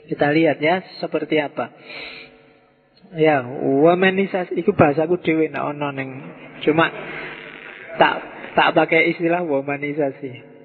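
A man's voice: on the high side, steady tone, normal speed, long pauses, slightly rough. A man with a Javanese accent giving a casual philosophy lecture, joking and asking the audience rhetorical questions. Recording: echoey hall over a tinny lo-fi line.

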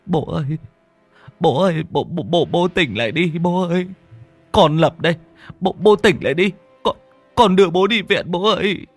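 A man's voice: sits high, normal speed, dry recording, soft background music, pitched above the performer's own voice. A male storyteller voicing a panicked grown son who cries and stammers over his dying father. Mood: sobbing. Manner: sobbing, stammering shouts. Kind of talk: storytelling performance.

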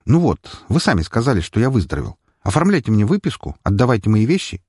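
A man's voice: on the low side, very animated, quick pace, darkish tone, husky, dry recording, studio quality, pitched above the performer's own voice. A man voicing a blunt, commanding young male hero who speaks curtly and barks orders. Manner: curt, barking orders.

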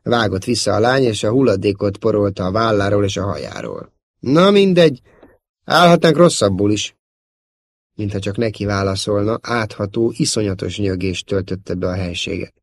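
A man giving a steady, dramatic audiobook narration. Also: fairly low pitch, hardly any pauses, dry recording, studio quality. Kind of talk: scripted narration.

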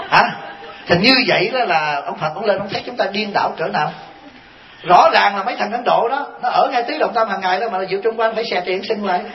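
A man, a Buddhist monk giving a folksy, joking dharma talk full of rhetorical questions. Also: high-pitched. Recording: dull lo-fi recording.

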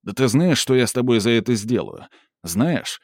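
A man's voice: medium pitch, animated, normal speed, a little mellow, no room sound, studio quality, lightly acted. A man voicing a stern, domineering young man who scolds and commands harshly. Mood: angry.

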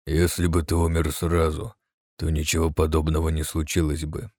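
A man voicing a cold male archmage assassin who speaks quietly, slowly and flatly. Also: rumbling low, no echo, clean studio sound. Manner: quiet, slow, flat threats.

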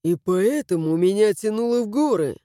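A man voicing a young male highlander, hurt and bitter, in an audiobook. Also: animated, normal speed, warm tone, no echo, studio quality. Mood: stunned. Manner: anguished, pleading. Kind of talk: audiobook character voice.

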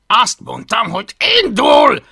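A frazzled viking boy pleads and then yells in a high, lively voice that swings wildly in pitch, as a male reader acts him out. He sounds strained and nervous, with a gravelly edge. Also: dry recording, exaggerated voice. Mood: exasperated. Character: anxious, exasperated young viking boy.

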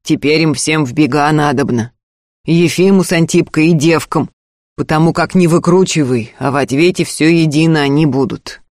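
A man voicing a gruff, scolding old peasant father. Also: a little high, normal speed, no echo, studio quality, natural voice. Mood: fierce. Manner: scolding, loud bursts. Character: gruff older peasant father, stern and hot-tempered. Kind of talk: audiobook character reading.

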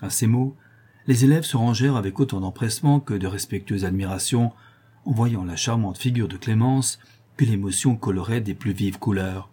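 A man reading a classic novel aloud as an audiobook narrator, in a measured way. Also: on the low side, mellow, husky. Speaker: audiobook reader. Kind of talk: scripted narration.

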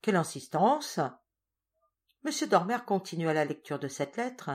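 A woman reads a classic novel aloud in a calm, measured way. Her voice sits a little low, and the narration is scripted and even. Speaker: audiobook reader.

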